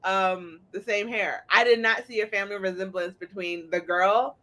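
A woman's voice: medium pitch, steady tone, normal speed, a bit bright. A woman co-hosting a podcast with a slight lisp, chatting animatedly and retelling scenes. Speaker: podcast co-host. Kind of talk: casual chat.

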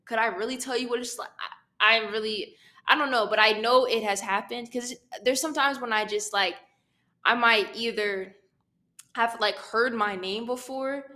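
A woman's voice: on the high side, fairly even intonation, moderate pace, sharp tone. A young woman co-hosting a casual faith podcast, talking in a rambling, self-correcting way and laughing often. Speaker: podcast co-host.

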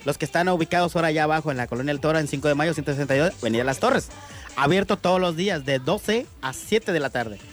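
A man's voice: fairly high pitch, fast, soft background music. A man co-hosts a morning radio show and tells jokes in a playful, teasing manner. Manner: playful, laughs loudly at his own jokes. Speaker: radio co-host. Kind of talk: joking radio banter.

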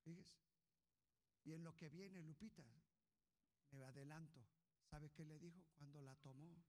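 Man, pastor, preaching, impassioned, hushed to shouting, long echo. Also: on the high side, steady tone, a little slow. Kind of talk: sermon. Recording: long hall reverb.

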